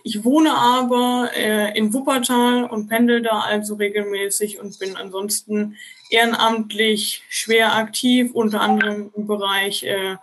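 A woman's voice: medium pitch, slight background noise, poor audio. A woman of twenty, a medical student and podcast guest, speaking casually with fillers. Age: 20s. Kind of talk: casual interview.

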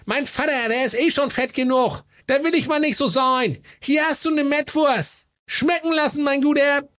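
A squeaky falsetto prince. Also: male voice, steady tone, normal speed, a bit bright. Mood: reluctant. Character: dim, reluctant young prince.

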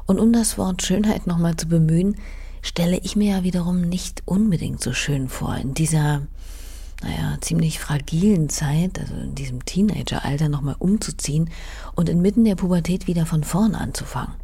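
Female host, breathy and rather low, soft mellow tone, polished interview narration. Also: normal speed.

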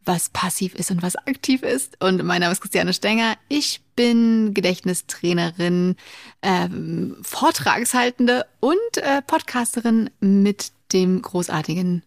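A woman's voice: medium pitch, unhurried, gravelly, dry recording. Chatty woman podcaster, dry close sound. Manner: chatty, explanatory, laughs easily. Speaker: podcast co-host, memory trainer. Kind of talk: casual podcast chat explaining a topic.

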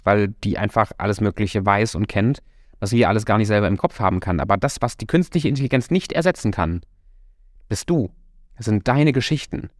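A man's voice: mid-range voice, a little mellow, no echo, studio quality. A man giving a motivational talk as a coach, speaking directly and encouragingly to the listener and stretching his key words.

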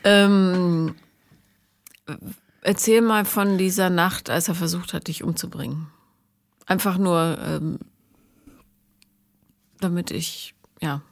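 A woman's voice: on the low side, steady tone, takes it slowly, gravelly, long pauses. A woman host interviewing a guest with short prompts and direct questions.

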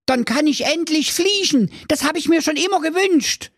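Dude playing a chirpy dopey guy, high and bouncy, dry sound. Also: moderate pace, fairly bright tone, no room sound. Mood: naive cheerful. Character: foolish young man, cheerful and naive. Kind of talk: comedic storybook reading.

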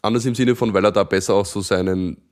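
Man, young adult, low pitch, easygoing, hesitant, casual podcast chat. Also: fast talker. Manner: relaxed, hesitant with many fillers and restarts. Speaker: podcast co-host.

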